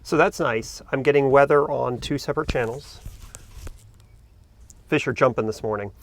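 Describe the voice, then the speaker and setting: A man with a mid-range voice speaks at a normal speed while casually talking to camera as host of a boating video. It's relaxed vlog chatter, with noisy outdoor sound in the background.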